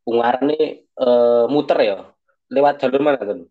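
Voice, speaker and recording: Seorang pria berusia dua puluhan dengan aksen Jawa, mengobrol santai sambil bercanda dan sesekali mengumpat sebagai pembawa podcast. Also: male voice, mid-range voice, normal speed, phone-quality sound. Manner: loose, joking, swears casually. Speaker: podcast co-host. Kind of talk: casual chat. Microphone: remote call.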